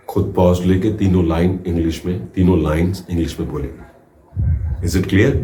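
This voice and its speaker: A man teaching a spoken English lesson, giving slow drawn-out prompts and counting out pauses. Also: sits low, warm tone, reverberant.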